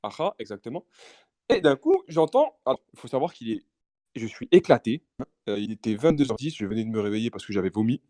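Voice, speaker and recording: A man's voice: medium pitch, fast, no room sound. A young man, telling a story animatedly in a casual podcast chat. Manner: animated, repetitive restarts, laughing asides.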